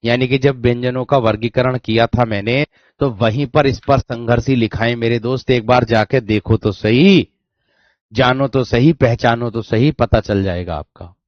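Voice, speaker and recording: Teacher repeating slowly, lo-fi. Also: male voice, mid-range voice, no echo. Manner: repetitive, dictates slowly, keeps asking if it's clear. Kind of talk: online exam-prep class. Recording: dry, dull lo-fi sound.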